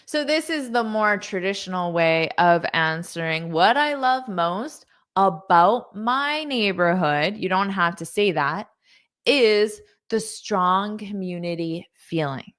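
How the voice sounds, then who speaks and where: A woman's voice: mid-range voice, lively intonation, takes it slowly, a bit bright. A woman teaching English in a live online lesson, reading out viewer comments, repeating words patiently and praising students.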